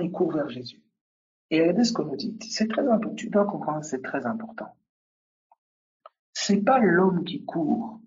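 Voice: mid-range voice, darkish tone, breathy edge, highs cut off. A preacher giving a sermon, emphatic and repetitive, speaking straight to the listeners. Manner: emphatic, addresses listeners directly and repeats key points.

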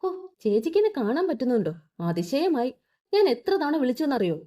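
A woman's voice: sits high, very animated, brisk, warm tone, voice pushed up. A woman voicing a determined teenage girl who firmly stands up for herself. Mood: indignant.

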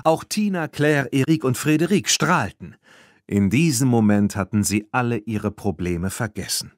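A man narrates a children's audiobook from a script, telling the story in a lively, expressive way. His voice is mid-range at a normal speed, recorded dry with clean studio sound.

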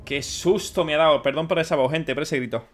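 A young man giving excitable, swearing let's play commentary, yelping at scares. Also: a little high, a little fast. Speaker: gaming YouTuber. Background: game music.

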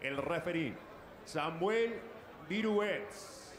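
Theatrical lucha libre-style ring announcer, echoey man. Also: expressive. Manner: theatrical, booming, drawn-out names and phrases. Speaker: bilingual boxing ring announcer. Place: boxing ring in a large indoor arena. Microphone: handheld microphone. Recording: echoey arena microphone with noisy background.

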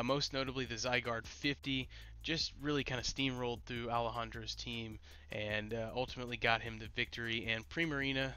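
A man's voice: mid-range voice, bright, forceful tone. A man with a congested, pinched-nose sound from a cold, giving solo rankings commentary as the host. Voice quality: nasal, stuffed-up as if pinching nose. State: congested, getting over a cold. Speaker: host, esports league commentator.

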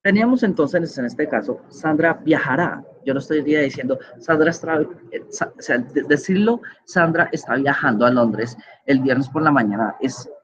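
The English teacher's voice is a little high with a breathy edge, captured in lo-fi sound. Giving an online grammar lecture, he explains patiently and frequently checks in with those listening.

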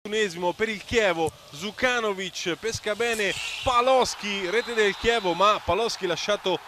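A man reporting on football match highlights in a commentary style. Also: unhurried. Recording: clear background noise.

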